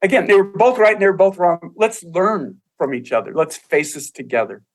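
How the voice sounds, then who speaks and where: A man's voice: high-pitched, animated, brisk. A man, a guest on a podcast, earnestly telling stories about couples and acting out what they said. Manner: earnest storytelling, acts out quoted voices. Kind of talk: casual interview talk.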